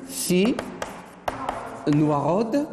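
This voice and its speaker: A woman with a low, lively voice teaching a classroom lesson. She patiently repeats what her pupils answer. The recording is echoey and noisy, taken from a distance in a classroom. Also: very slow. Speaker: French teacher.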